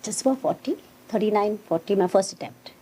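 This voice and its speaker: A comedian and ventriloquist in her fifties chats casually as an interview guest, recounting her own story with wry, jokey touches. Her mid-range voice is warm with a breathy edge, and she talks fairly quickly.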